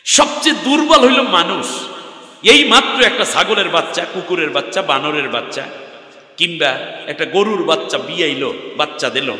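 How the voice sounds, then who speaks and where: Southern Bengali-accented male preacher, bright and piercing, chants verses, echoing PA at a big open-air gathering. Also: on the high side, animated, moderate pace. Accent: southern Bangladeshi Bengali. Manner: sing-song chanting of Arabic verses, rhetorical questions to the crowd. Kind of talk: Islamic sermon at an outdoor gathering. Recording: echoey live sermon PA sound.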